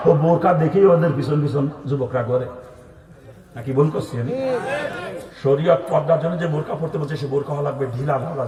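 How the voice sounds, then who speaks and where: A man preaching an open-air sermon, thundering and mocking, often shouting rhetorical questions at the crowd. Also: fairly high pitch. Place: outdoor gathering. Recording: echoey distant PA sound.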